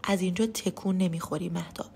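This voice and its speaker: A woman's voice: lowish voice, steady tone, creaky, darkish tone, slight background noise. A woman voicing a harsh, domineering young husband in a spoken story, scornful and commanding. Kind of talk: audio story narration.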